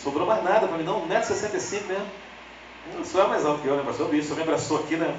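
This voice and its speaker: In an echoey church sanctuary, a man with a Brazilian Portuguese accent races through a humorous, story-driven sermon, talking straight to the congregation as a lay preacher. He shifts into lively high voices for the people he quotes. The slightly distant recording has a little hiss or hum.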